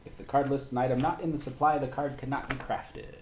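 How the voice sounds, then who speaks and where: A man's voice: medium pitch, fairly even intonation, fast talker, noisy background. A man in casual chat over a board game, explaining rules and thinking aloud.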